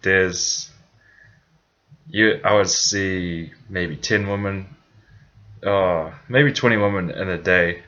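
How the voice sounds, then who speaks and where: A man's voice: deep voice, slow pace, pauses often, pushed and bright, muffled recording. A young man from New Zealand with a New Zealand accent, casually telling his own story in a vlog, rambling with many fillers and self-corrections.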